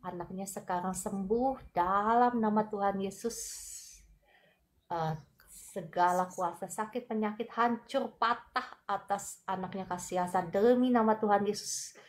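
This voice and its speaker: Lady on a phone livestream praying hard for healing, repeating lines over and over. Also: medium pitch. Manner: fervent, repetitive prayer chanting with soft asides. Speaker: livestream prayer minister. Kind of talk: live-streamed healing prayer. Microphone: phone for a live stream.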